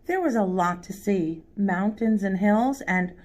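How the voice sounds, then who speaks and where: Reading a picture book aloud at storytime, a woman with a mid-range, slightly mellow voice speaks straight to her young audience. She stops now and then to put questions to the children.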